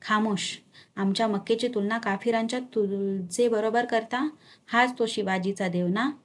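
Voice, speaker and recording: A woman reading a novel aloud and voicing an arrogant, wrathful middle-aged male general who shouts his commands. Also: on the high side, fairly even intonation, moderate pace, close to an everyday voice. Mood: furious.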